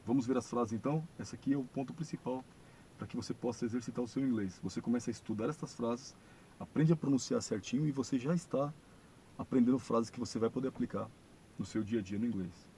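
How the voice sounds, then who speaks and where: Gravelly Brazilian man teaching English. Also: medium pitch, mellow, slight background noise, rough recording. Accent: Brazilian Portuguese. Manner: patient explaining, slow modeled phrases. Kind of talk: video lesson. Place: church classroom.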